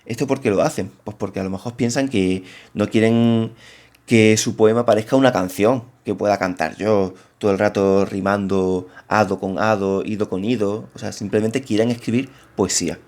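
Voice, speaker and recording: Casual teacher, low voice. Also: male voice, moderate pace, darkish tone. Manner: casual, colloquial teacher talk with slang and restarts. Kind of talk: explaining a lesson to students.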